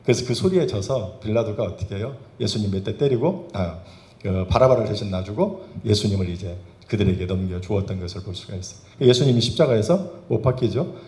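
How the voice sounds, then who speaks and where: A man's voice: on the low side, lively intonation, a little fast, darkish tone. A male pastor preaching a Sunday sermon, firing rhetorical questions at the congregation with emphatic bursts. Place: church sanctuary. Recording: roomy church reverb.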